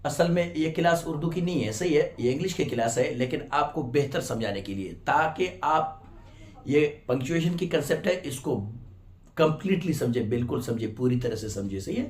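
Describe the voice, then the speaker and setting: A man's voice: a little high, lively intonation, moderate pace. A man teaching a grammar lesson, explaining step by step and often checking "right?" with his students. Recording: roomy echo.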